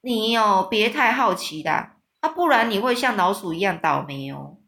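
A big, good-natured giant speaks in a gentle, folksy way, like an old friend warning a nosy stranger. He sits in a read-aloud storybook and rises slightly above the narration around him. A woman reads him, keeping close to her own voice. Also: medium pitch, lively intonation, normal speed, creaky. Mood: teasing warning.

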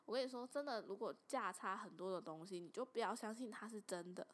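A young woman with a Taiwanese Mandarin accent hosting a casual podcast, telling stories in an animated way and laughing often. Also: medium pitch, fast. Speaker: podcast host.

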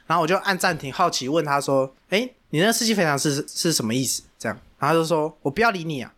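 Fast, animated podcast guy. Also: on the high side. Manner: animated storyteller, repeats himself for emphasis. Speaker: podcast co-host. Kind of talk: casual podcast chat.

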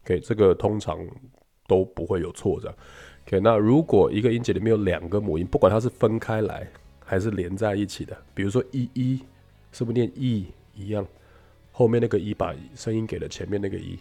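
A man's voice: fairly low pitch, fairly quick, dark tone, soft background music. A man teaching English phonics in Mandarin with a Taiwanese accent, explaining rules through a little story and mixing English words into his speech. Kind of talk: casual spoken English lesson.

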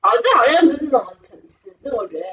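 Giggly fast-talking Taiwanese woman. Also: sits high, very animated, a crowd in the background. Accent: Taiwanese Mandarin. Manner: giggly, rambling, full of restarts. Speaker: podcast co-host. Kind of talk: casual storytelling chat.

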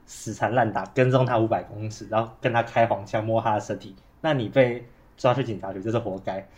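A man's voice: on the low side, steady tone, a little fast, a little mellow. A man with a Taiwanese Mandarin accent co-hosts a casual podcast chat, muffled by a face mask and stuffed up with a cold and cough. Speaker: podcast co-host.

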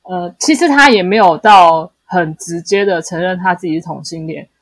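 This podcast co-host is a woman with a Taiwanese Mandarin accent whose voice sits on the low side. In a casual book chat she speaks at a moderate pace, offering hesitant explanations, frequently correcting herself and affirming again and again, with no room sound audible.

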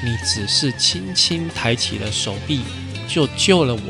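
A man voicing a gentle ladybug spirit woman. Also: on the high side, huge pitch swings, a little slow, vocal fry, over music, voice pushed up, heavily acted. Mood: tender.

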